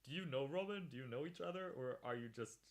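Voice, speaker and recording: A man's voice: mid-range voice, expressive, fast talker. Laughing, chatty male livestream host. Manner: chatty, laughs often, reacts to viewers in chat. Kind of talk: casual livestream chat.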